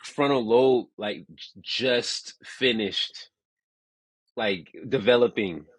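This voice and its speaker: Husky, rambling man in his thirties. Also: medium pitch, slow pace, dry recording, low-quality recording. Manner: rambling, heavy use of "like", restarts. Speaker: podcast co-host. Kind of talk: casual chat.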